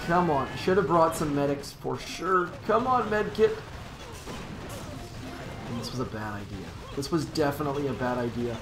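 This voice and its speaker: Male streamer narrating his own gameplay live. Casual, upbeat, rambling, self-correcting, mid-pitched. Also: a little fast, hardly any pauses, background noise. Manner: cheers on his troops aloud.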